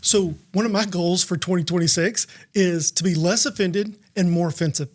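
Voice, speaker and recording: Man, earnest preacher-like co-host; fairly high voice, steady conversational delivery. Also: moderate pace. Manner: earnest, preacherly, cites scripture. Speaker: podcast co-host. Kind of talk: faith-based leadership discussion.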